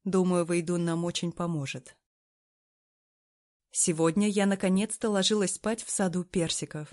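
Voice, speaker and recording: A woman reading a first-person story aloud, narrating in a calm, even way. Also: on the low side, moderate pace.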